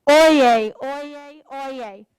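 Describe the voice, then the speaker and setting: Woman, high pitch, town-crier proclamation, formal court bailiff, ceremonial calling, dry sound. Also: drawn-out words, dry recording.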